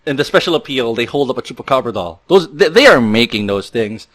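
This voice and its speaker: A man hosting a relaxed podcast, with a middling voice that is neither high nor low. He rambles loosely through his points, piling up fillers and restarting his sentences. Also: a little fast. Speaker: podcast host. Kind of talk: casual podcast chat.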